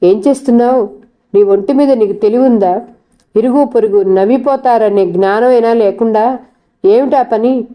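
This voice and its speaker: A tearful older mother scolds her grown son in an audio story, her voice pitched up and straining, put on by a woman narrator. The tone stays dark and mellow underneath. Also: moderate pace, lightly acted. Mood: scolding.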